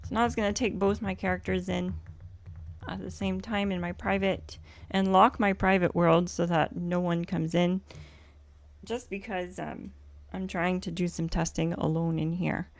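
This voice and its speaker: A woman with a scratchy, hoarse voice chatting casually and explaining in a rambling way as she hosts a game livestream. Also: fairly low pitch, steady tone, unhurried, pauses often, no echo. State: hoarse from swollen throat. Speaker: live streamer, host.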